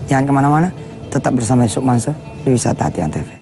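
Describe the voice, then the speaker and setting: An Indonesian man giving a televised sermon, chanting Arabic verses slowly and explaining them in relaxed everyday speech. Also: mid-range voice, soft background music. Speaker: TV preacher.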